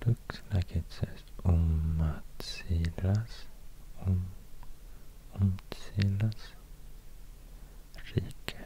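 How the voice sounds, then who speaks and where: A man whispers in a deep, breathy, hushed and musing way, reading for ASMR close to the microphone. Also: very slow, long pauses. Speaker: ASMR creator. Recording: faint background hiss, close whisper.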